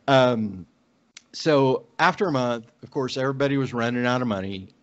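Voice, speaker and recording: A middle-aged American man from Oklahoma, United States, tells a casual personal story as a podcast guest, speaking at normal speed with a medium-pitched voice. He is on a video call from an indoor room, and the audio sounds dull and lo-fi.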